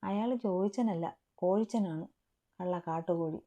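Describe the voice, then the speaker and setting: A woman voicing a timid but sharp-tongued young student who grumbles and stammers, in a storybook reading. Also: fairly low pitch, moderate pace. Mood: grumbling.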